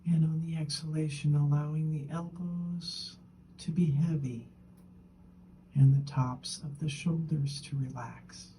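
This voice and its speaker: Guiding a meditation, the teacher uses a deep, soft, breathy voice that often drifts toward a whisper. Her tone stays steady as she delivers short, unhurried, gentle phrases broken by long pauses. There's a little hiss or hum, and the audio quality is poor.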